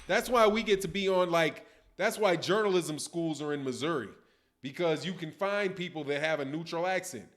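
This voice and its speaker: This boxing livestream host, a middle-aged Chicagoan, reads viewer comments aloud and keeps the talk loose and slangy from his desk in a dim room at home, using a webcam. The voice is on the high side and a bit bright, at a moderate pace.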